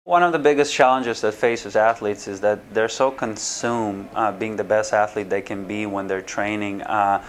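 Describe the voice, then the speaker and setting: A Ukrainian man in his 30s who owns a swim school answers interview questions to camera while seated in a small indoor office, framed at chest height. His low voice is flat, and he speaks hesitantly with many fillers and restarts, at a moderate pace with few pauses.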